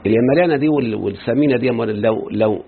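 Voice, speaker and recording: Talking very fast in a medium-pitched voice, an Egyptian Arabic-accented man teaches grammar in class, going step by step and frequently making sure students keep up. The recording is tinny, husky and phone-like, with slight background noise.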